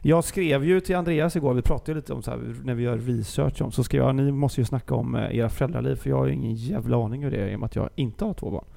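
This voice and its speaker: Creaky, mellow-voiced joking podcast host. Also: male voice, mid-range voice, few pauses. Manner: teasing, jokey. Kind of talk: casual podcast chat.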